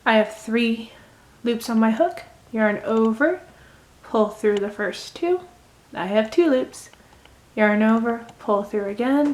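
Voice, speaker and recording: A woman hosting a casual crochet tutorial, chatting as she talks through each step. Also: on the high side. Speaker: crochet video host.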